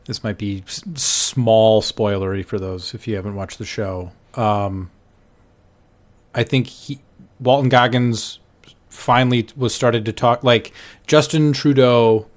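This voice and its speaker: A man's voice: lowish voice, fairly even intonation, takes it slowly. A man co-hosting a podcast, chatting casually and hesitantly, often restarting sentences. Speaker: podcast co-host. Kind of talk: casual chat.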